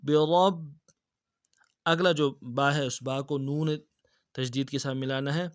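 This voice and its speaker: A man teaching tajweed, reciting verses slowly and drawn out, then explaining briskly and repeating words for the learner. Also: medium pitch, fairly even intonation, clear, resonant tone, no room sound, clean studio sound. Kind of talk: tajweed lesson with slow recitation.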